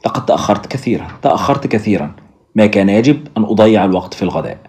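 A proud Zulu woman nurse speaks plainly and firmly, as a male narrator reads her lines. The voice stays low and moves fast. It is a storybook reading. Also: lively intonation, a little mellow, natural voice. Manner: firm, frank replies.

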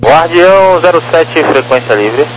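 A man's voice: on the high side, lively intonation, a little slow. A man giving procedural instructions as an air traffic controller, police-radio style, over a two-way radio. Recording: noisy aviation radio channel with hum.

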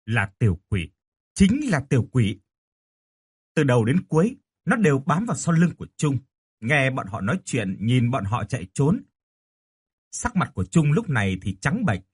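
A man narrates a horror audiobook with a husky voice. His delivery is dramatic and expressive. His pitch rises and falls with lively movement throughout. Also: moderate pace.

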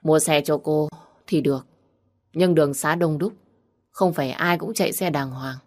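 A woman voicing a caring young man who gently teases, in a storybook reading. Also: sits low, moderate pace, close to an everyday voice. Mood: calm. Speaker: audiobook reader.

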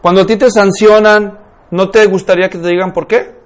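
High-voiced man teaching a church class. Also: a little fast. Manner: lively, rhetorical questions to audience.

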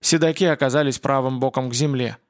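A man narrating an audiobook in an even, measured reading style. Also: medium pitch.

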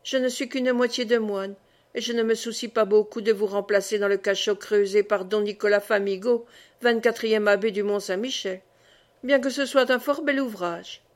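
A woman's voice: mid-range voice, fairly even intonation, moderate pace, natural voice. A woman voicing a jovial, talkative lay brother and former soldier who chuckles and rambles through his stories.

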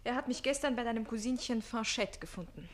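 A woman's voice: on the high side, fairly quick, natural voice. An actress playing a lovesick, impulsive teenage page boy in a classic radio play, speaking in a breathless, gushing, pleading way. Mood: plaintive.

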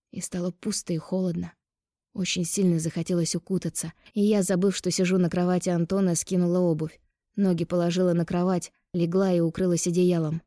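A woman's voice: on the low side, dark tone, dry recording, studio quality. A woman narrating a first-person novel as an audiobook, with intense, emotional delivery.

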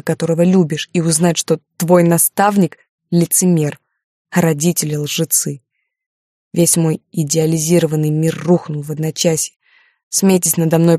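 A woman's voice: low-pitched, mellow, dry recording, clean studio sound. Woman reading a dramatic audiobook. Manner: emotional, dramatic. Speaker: audiobook narrator. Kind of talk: first-person novel reading.

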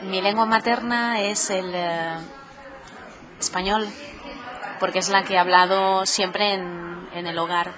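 A middle-aged woman from Catalonia, answering interview questions casually, with many pauses and fillers. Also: medium pitch, fairly even intonation, a crowd in the background. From Catalonia, Spain. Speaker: podcaster, guest.

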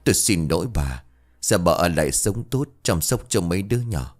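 The calm ghost of a dead husband bids his wife a soft, apologetic farewell, voiced by a man. His deep voice moves through a wide, expressive range in a horror storybook. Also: normal speed. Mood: sorrowful.

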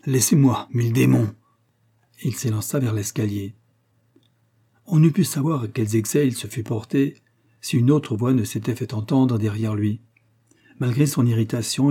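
A man reads a classic novella aloud in a measured, even way. His voice is dark and mellow, with a husky edge. The pitch sits in the middle range. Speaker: audiobook reader. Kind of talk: scripted narration of a classic novella.

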